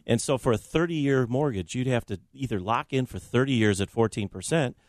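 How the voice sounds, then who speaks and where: A man, a radio co-host recalling past mortgages in a relaxed way. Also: mid-range voice, a little fast, no room sound, clean studio sound.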